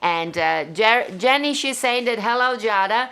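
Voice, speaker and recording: A woman in her forties from Venice with an Italian accent, chatting casually to viewers on her own live stream from her living room, very expressive. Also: a little high, measured pace, vocal fry, clean tone. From Italy (Venice). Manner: chatty and expressive, gestures a lot, reads viewer comments. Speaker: singer hosting her own live show. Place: living room at home with framed pictures.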